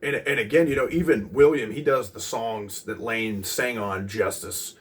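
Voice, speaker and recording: A man in his twenties casually recalling a concert as host of a music channel, rambling with many pauses and restarts. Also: fairly low pitch, recorded from a distance. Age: 20s. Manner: rambling, lots of ums and restarts.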